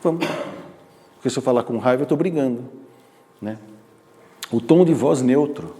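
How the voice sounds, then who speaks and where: A man with a Brazilian accent giving a lecture, animated and acting out quoted examples. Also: mid-range voice, moderate pace. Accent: Brazilian Portuguese. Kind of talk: motivational lecture. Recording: echoey hall.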